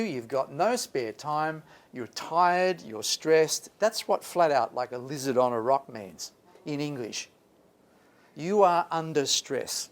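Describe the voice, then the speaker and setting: Very animated, higher-pitched man teaching. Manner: emphatic, theatrical, explains in short repeated phrases. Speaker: English language teacher presenting. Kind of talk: animated lecture presentation.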